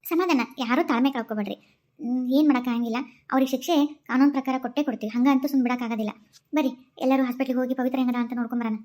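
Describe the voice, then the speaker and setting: A calm, firm lady detective in a cartoon, played by a woman, giving orders in a lower, level voice. Her North Karnataka accent is broad and her manner steady and commanding. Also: very fast, natural voice. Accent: North Karnataka Kannada. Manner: commanding, reassuring. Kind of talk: cartoon voice acting.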